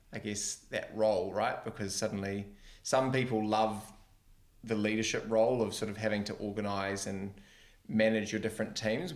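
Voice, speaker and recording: A man interviewing in an informal, chatty way with loosely phrased questions. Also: on the low side. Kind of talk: casual chat. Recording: roomy echo.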